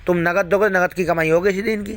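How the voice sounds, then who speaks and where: A man with a high, steady voice talks a little fast, and the recording has no room sound. He's a video host warning viewers in an angry monologue, ranting straight at them, heated and heavily profane, repeating his points and firing off rhetorical questions.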